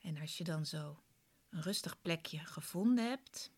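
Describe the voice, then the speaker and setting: Soft, breathy, low-voiced woman guiding relaxation. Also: expressive. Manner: slow, short instructions with pauses. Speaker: relaxation exercise instructor. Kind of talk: soft, soothing guided relaxation with breathy, part-whispered delivery. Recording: clear background music. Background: relaxation music.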